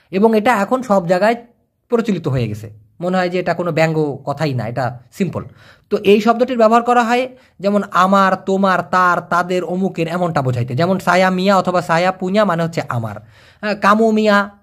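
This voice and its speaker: Male tutor, high voice, patient step-by-step explainer who keeps asking "clear?". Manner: explains slowly, repeats words and checks understanding. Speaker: language teacher. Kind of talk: casual video lesson.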